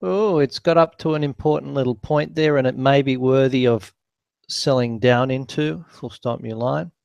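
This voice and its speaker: A man giving market commentary as slow dictation, speaking the punctuation aloud as he composes notes. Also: mid-range voice, fairly even intonation, gravelly, a little mellow, smooth, dry recording. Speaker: forex market analyst and webinar host. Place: office, screen recording voice-over.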